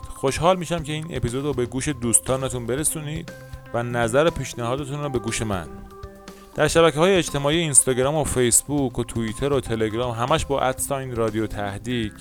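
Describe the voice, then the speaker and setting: A man with an Iranian Persian accent hosting and narrating a storytelling podcast in a conversational way. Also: medium pitch.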